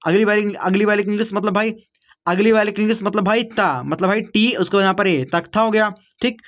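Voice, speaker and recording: High-voiced man teaching a lesson. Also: fairly quick, lo-fi sound. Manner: patient step-by-step explaining, addresses viewers as kids and guys. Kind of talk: online spelling lesson.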